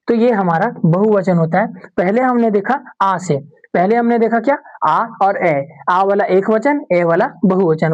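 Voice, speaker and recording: Woman, grammar teacher, exam-prep classroom lesson, repeats example words, asks and answers her own questions, dull lo-fi recording. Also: medium pitch.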